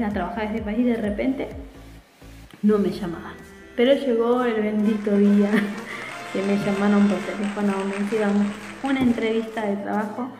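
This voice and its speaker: A woman in her forties with an Argentine Spanish accent, telling her story to camera in a casual, animated vlog from a small room at home. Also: mid-range voice, echoey room, poor audio. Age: 40s. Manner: animated, chatty, gestures a lot with her hands. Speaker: vlogger.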